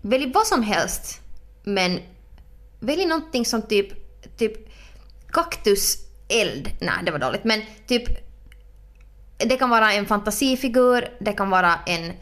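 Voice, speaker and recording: A young woman co-hosting a podcast in casual, playful chat, full of fillers and quick asides. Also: medium pitch, animated, fairly bright tone. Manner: chatty, filler-heavy, playful. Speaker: podcast co-host.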